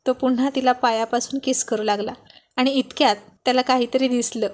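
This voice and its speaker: A woman reading a romance story aloud in steady narration, slipping in English words. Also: high voice, fairly quick.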